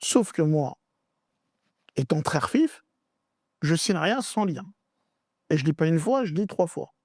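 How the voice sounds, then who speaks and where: Male guest, slangy storyteller, lively higher voice, dry sound. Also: a little slow, dry recording. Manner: animated, acts out dialogue, slangy street French. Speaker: podcast guest. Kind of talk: casual storytelling interview.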